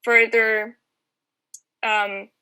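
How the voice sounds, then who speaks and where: A woman from Spain joins a podcast as a guest and talks casually from home. Her voice is high and very bright, with a flat, even delivery and frequent "um" pauses. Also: clean tone, poor audio. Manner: relaxed, with "um" fillers. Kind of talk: casual conversation.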